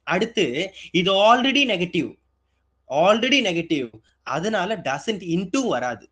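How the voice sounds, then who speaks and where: A man's voice: fairly high pitch, fairly bright tone. A man teaching an exam-prep grammar lesson, asking his students questions and repeating key points. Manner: asks students questions and answers them, repetitive.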